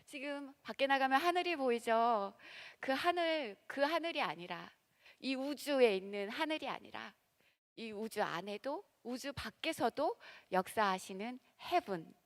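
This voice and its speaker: A woman pastor preaching a sermon in a church, animated and acting out the voices she quotes. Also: fairly high pitch. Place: church sanctuary. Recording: reverberant church hall.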